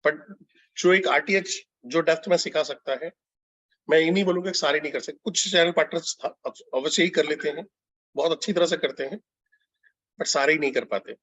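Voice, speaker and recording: Speaking a little fast in a somewhat bright, high-leaning voice, a male business consultant trains telecallers in a relaxed lecture. He blends Hindi with English and keeps asking his listeners questions. There's no echo, and the audio is dull and lo-fi.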